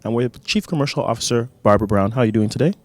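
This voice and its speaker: A man's voice: mid-range voice, very fast, a little mellow. A man hosting an on-location television interview in a presenterly, conversational way. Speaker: TV host, interviewer. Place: airport VIP lounge. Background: music.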